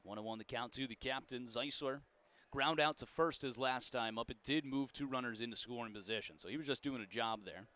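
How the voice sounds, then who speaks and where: A man calling baseball play-by-play in a folksy, joking way, and he gets loud when the big plays come. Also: medium pitch, brisk. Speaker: play-by-play announcer.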